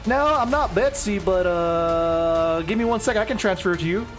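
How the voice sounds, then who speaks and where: A game master voicing Betsy, an excitable female creature in a tabletop game, with a high, chirpy, bouncing voice. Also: normal speed, soft background music, lightly acted. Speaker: non-player character.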